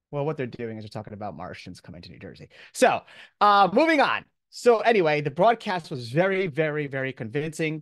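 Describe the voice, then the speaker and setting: A professor, an American man with a somewhat high voice, teaches an informal online class over a video call, explaining ideas in casual everyday terms. The sound is close and dry, with no room sound.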